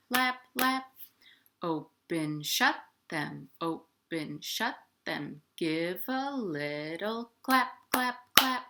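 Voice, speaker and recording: This storytime host, a children's librarian, reads to young children from home in a playful, rhyming sing-song and talks to them directly. Her mid-range voice sounds pushed and bright.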